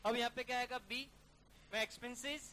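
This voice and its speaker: Brisk man teaching accounting. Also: very high-pitched, steady tone, bright, forceful tone, a little hiss or hum. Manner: brisk, coaxing students to call out figures; calls students "beta" and "yaar". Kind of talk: classroom lecture working through a problem.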